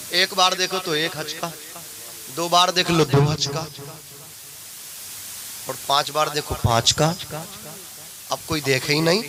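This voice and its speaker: A man preaching an impassioned sermon at a large gathering, shouting out lines and pressing the crowd to answer him. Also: a little high, rough recording. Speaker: Islamic preacher. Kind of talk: fiery sermon with call-and-response. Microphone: handheld mic. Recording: crowd heard throughout.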